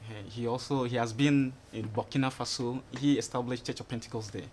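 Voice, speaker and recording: A young Ghanaian man in his twenties answers questions as a guest on a TV studio set, rambling and leaning on "you know" and "you understand." His mid-range voice is a little mellow, fairly quick, and fairly even in intonation. Slight background noise can be heard.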